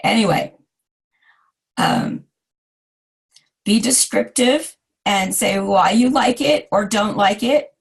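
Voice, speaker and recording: A hoarse woman in her forties giving a recorded design lecture, chatty and self-deprecating with asides to her students. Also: medium pitch, slow, pauses often. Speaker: design instructor.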